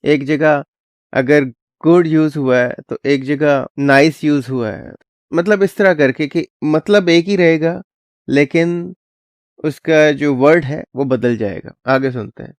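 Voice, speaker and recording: A man's voice: fairly high pitch, no room sound. Dry close-miked man explaining casually. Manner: plain conversational explaining, mixing in English words. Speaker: channel host explaining a clip.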